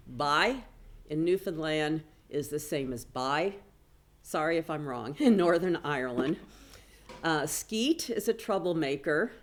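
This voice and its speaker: A woman with a low voice presents at an academic conference, walking through her slides. She is a business professor and talks in a chatty way, dropping self-deprecating asides as she goes. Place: conference room.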